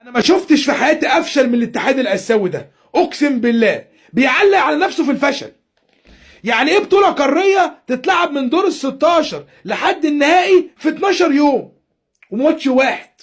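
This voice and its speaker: A man's voice: extremely high pitch, lively intonation, fast talker. A man with an Egyptian accent rants indignantly about a football tournament. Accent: Egyptian Arabic. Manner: indignant, outraged. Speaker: football fan commentator. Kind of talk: indignant fan rant.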